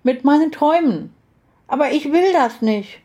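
A small, tearful girl, clinging and frightened, pleading in a high, thin childlike voice, as a woman reads her lines. The voice sits well above an adult's and keeps a mellow, dark tone beneath the crying. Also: lively intonation, normal speed. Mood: upset.

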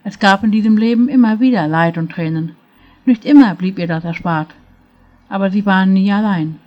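A woman reading a fairy tale aloud in a calm, measured storytelling manner. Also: mid-range voice, dull audio.

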